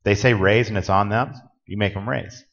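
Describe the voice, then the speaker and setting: Deep-voiced man presenting in a reverberant hall. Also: fairly even intonation, normal speed, creaky. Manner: plain-spoken, direct, instructive. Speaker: tournament rules presenter. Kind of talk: conference presentation to an audience. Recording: dull lo-fi audio with long hall reverb.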